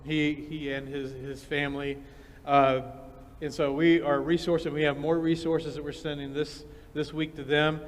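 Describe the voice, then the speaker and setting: A man speaks as a pastor to his congregation, informal and encouraging. His voice sits a little high, with the long reverb of a hall around it. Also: flat delivery, moderate pace.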